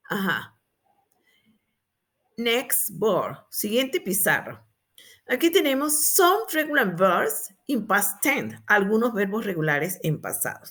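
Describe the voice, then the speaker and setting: A woman teacher at a slow, unhurried pace. Her pitch rises and falls a great deal as she patiently repeats each word for her students. Her delivery is clear and explanatory. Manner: patient, repeats words slowly for pronunciation practice. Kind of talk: slow explanatory English lesson in Spanish.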